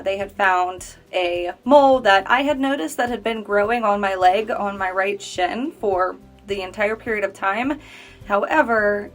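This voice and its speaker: With a mid-range, fairly bright voice, this woman in her twenties tells viewers directly about surviving cancer. Her testimonial is earnest and conversational, the account of someone in her late twenties.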